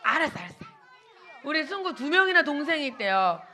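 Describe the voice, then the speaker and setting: A young woman preaching a children's sermon in church, animated, asking the kids questions and acting out little quotes. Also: high voice, fairly quick, some chatter behind.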